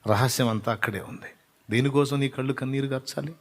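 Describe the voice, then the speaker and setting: A man preaching in the style of a fervent prayer, pleading and swinging from hushed whispers to loud impassioned cries. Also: mid-range voice, fast, long reverb tail. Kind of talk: emotional prayer sermon.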